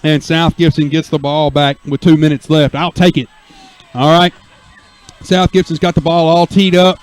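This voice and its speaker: A man doing folksy live American football radio play-by-play, with excited, drawn-out touchdown calls. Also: on the high side. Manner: folksy exclamations and asides. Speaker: play-by-play sports announcer.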